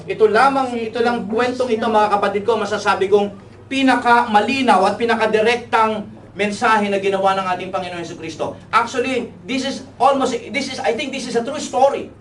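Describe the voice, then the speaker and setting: A man's voice: high-pitched, brisk, a bit bright. A man preaching a sermon, switching between languages and calling out to the congregation for replies. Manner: preaching in mixed Tagalog and English, calling for replies. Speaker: pastor. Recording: echoey hall, distant mic, audible congregation.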